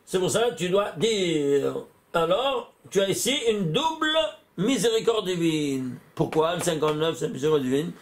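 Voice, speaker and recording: A rabbi giving a religious lesson, animated, quizzing his listeners with rhetorical questions and often restarting and repeating words. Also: a little high, normal speed.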